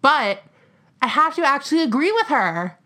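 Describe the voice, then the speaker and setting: A young American woman co-hosting a podcast in casual chat, talking bluntly with vocal fry, plenty of swearing and frequent "like". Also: high-pitched, big pitch swings, normal speed, bright, forceful tone. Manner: blunt, profane, peppered with "like". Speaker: podcast co-host.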